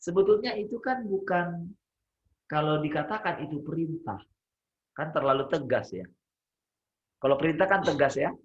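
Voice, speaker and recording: A man's voice: on the high side, animated, normal speed, long pauses, muffled recording. A man leading an interactive Bible study on a video call, talking conversationally, asking the group questions and often searching for words. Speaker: Bible teacher.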